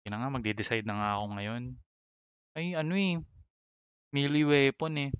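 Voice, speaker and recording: A man's voice: mid-range voice, animated, normal speed, fairly bright tone, clean tone, no room sound, lo-fi sound. A man chatting casually while gaming, reading out item names and mixing in English. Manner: reads out item names, code-switching, chuckles. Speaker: gamer co-host.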